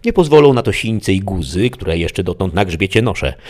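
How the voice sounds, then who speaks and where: Storybook peasant squire, grumbling and folksy, voiced by a male reader, lively and pushy. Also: low-pitched, normal speed. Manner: folksy, complaining. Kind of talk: audiobook reading with voices.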